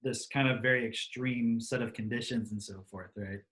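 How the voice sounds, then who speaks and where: A man's voice: medium pitch, fairly even intonation, normal speed, a bit bright. A man co-hosting a live stream over a video call, explaining casually and often checking that others agree. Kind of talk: casual chat.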